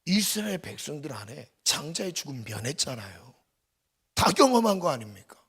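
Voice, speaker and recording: A man preaching a sermon as pastor, swinging from loud emphatic bursts to hushed near-whispers. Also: fairly high pitch, sing-song, normal speed, husky. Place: church sanctuary.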